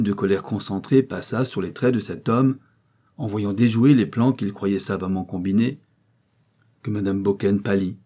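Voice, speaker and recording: A man narrating a novel as an audiobook reader in a measured, even way. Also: on the low side, slightly rough. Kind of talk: scripted narration.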